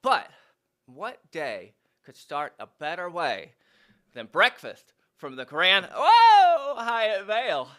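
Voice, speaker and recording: A man hosts a local morning show from the studio, chatty and upbeat. His voice sits a little high and rings bright and forward. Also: sing-song, slow pace. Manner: chatty, eats on air, upbeat. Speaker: studio host. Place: indoor studio.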